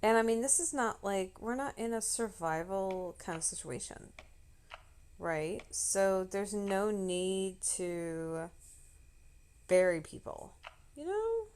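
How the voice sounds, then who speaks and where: A woman streamer telling a story in casual, animated chat, swearing freely. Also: mid-range voice, slow pace, smooth.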